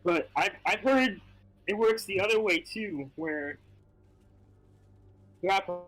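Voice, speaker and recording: A man's voice: high voice, takes it slowly, a bit bright, faint music behind, low-quality recording. A young man with allergies chatting casually on a gaming stream, rambling and laughing often. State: stuffy from allergies. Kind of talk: casual chat while gaming.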